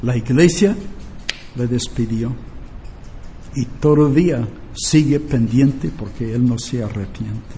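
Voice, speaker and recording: This older male preacher and Bible teacher speaks slowly in a mid-range, dark-toned voice, with soft music in the background. Spanish is not his first language. His church teaching sermon is emphatic, full of rhetorical questions, repeated key phrases, and checks that listeners understand.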